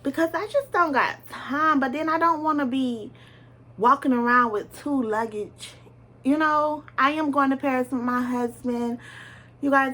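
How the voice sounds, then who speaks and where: A woman's voice: a little high, fairly bright tone. A woman in her late twenties from the US South with a Southern accent, chatting casually to camera from her bedroom floor in a scattered, friendly way. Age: 20s. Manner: chatty, scattered, talks straight to viewers. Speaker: vlogger.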